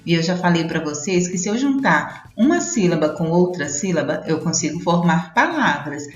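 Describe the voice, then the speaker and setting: Lively woman teacher, roomy dull sound. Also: lowish voice, faint music behind. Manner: sing-song, slow and exaggerated on syllables. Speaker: primary school teacher. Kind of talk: teaching young children.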